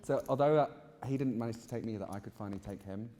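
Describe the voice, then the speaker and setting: A young British man in his mid twenties chats as a guest at a live event. His manner is campy and gushing, full of casual personal storytelling. His medium-pitched voice rings with the reverb of a hall. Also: fast talker, warm tone, a little hiss or hum. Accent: British English. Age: mid 20s. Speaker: interviewed guest, drag queen gardener.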